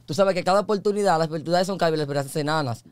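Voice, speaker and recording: A man's voice: on the high side, very fast, clean tone, no echo. A young man with a Dominican accent, a comedian guest chatting casually in slang and acting out voices in his stories. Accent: Dominican Spanish. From Dominican Republic. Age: young adult. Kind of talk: casual interview chat.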